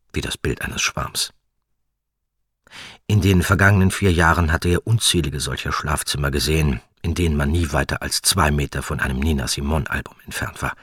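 A male narrator with a very low, husky voice reads the story at a measured pace. The recording is close and dry. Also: fairly bright tone, no room sound. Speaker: audiobook narrator. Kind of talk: scripted narration.

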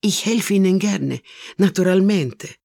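An excitable older Italian woman, dramatic and warm-hearted, as a man puts her on in a storybook reading. She bursts out in emphatic, raised, loud phrases. The voice keeps a gravelly edge in a dry close sound. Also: on the high side, normal speed, dry recording, pitched above the performer's own voice. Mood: emotional. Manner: emphatic, emotional outbursts.

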